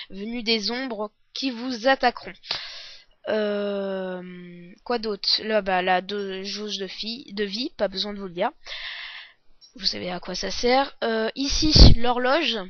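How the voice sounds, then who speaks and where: A woman with a sore throat giving a casual, halting, apologetic game walkthrough as a beginner presenter. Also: medium pitch, steady tone, no echo. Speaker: let's play presenter, beginner. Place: indoors, recording at a computer. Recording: dull lo-fi close dry mic.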